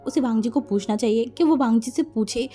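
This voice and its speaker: Mellow woman narrating fan fiction casually. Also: on the high side, fairly quick. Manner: chatty, explains asides to listeners. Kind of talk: casual storytelling in mixed Hindi and English.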